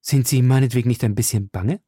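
A man voicing an eager, infatuated young swordsman who speaks in a flattering, fervent way. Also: mid-range voice, quick pace, breathy edge, dry recording, clean studio sound, lightly acted.

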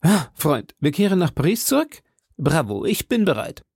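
A man's voice: fairly high pitch, very animated, moderate pace, darkish tone, husky, no echo, voice pushed up, heavily acted. A refined, vain young musketeer, as a man reading aloud puts him on in a storybook, airy and affected. The voice is raised and swings widely, in a dry close room. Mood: airy lively.

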